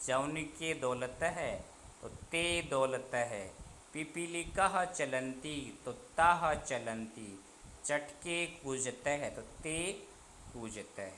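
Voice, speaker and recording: A man teaching a class lesson, slowly drilling words by asking questions and answering them himself. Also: mid-range voice, pushed and bright, a little hiss or hum. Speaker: Sanskrit teacher.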